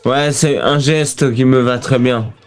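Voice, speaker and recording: A man's voice: medium pitch, steady tone, unhurried, faint music behind. A man, a band member answering in a radio interview, with short, repetitive replies.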